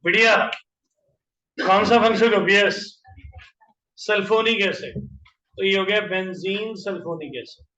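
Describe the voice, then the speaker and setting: A man teaching chemistry in a classroom, quizzing students by name and slowly repeating each compound name. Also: high voice, fairly even intonation, sharp tone. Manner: questions students by name, drills terms slowly. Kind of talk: classroom lecture. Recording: roomy, distant, dull lo-fi classroom audio.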